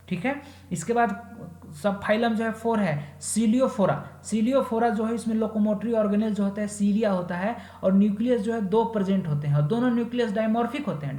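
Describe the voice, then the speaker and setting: A man teaching a classroom biology lecture in a steady explaining manner, checking in often and slowing down to spell out long scientific names. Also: high voice, roomy sound. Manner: steady explanatory delivery, frequent "ठीक है" check-ins; slows to spell out Latin names syllable by syllable.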